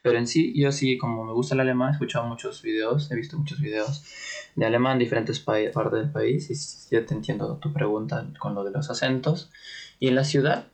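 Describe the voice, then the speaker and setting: A young man from Peru speaking Spanish in a casual interview, often pausing to search for words and laughing lightly as he explains his training. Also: medium pitch, steady tone, darkish tone. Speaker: interview guest, trainee in Germany.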